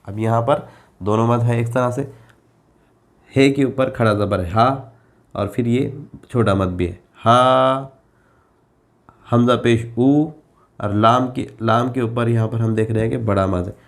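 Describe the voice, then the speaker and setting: Slow, patient male Quran reading teacher. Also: mid-range voice. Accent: Urdu. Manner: drawls example syllables slowly and at length. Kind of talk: slow explanatory lesson.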